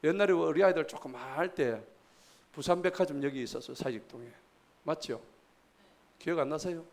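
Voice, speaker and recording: A man's voice: fairly high pitch, moderate pace. A man, preaching a sermon at a church service in a folksy, joking way and quizzing the congregation. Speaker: pastor.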